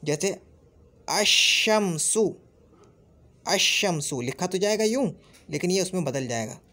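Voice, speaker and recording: A man's voice: sits high, expressive, a bit bright. Man drilling Arabic letter sounds. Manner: repeats sounds slowly and drills each letter. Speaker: Arabic grammar teacher. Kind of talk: classroom-style grammar lesson.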